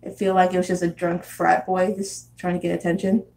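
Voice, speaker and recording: A San Diego woman in her twenties, at a house in Arizona, hosts a relaxed vlog-style live chat, reading viewer comments and talking a little fast. Her fairly low voice is warm and mellow with strong gravelly fry. She laughs often and leans heavily on "um" and "like," with slight background noise.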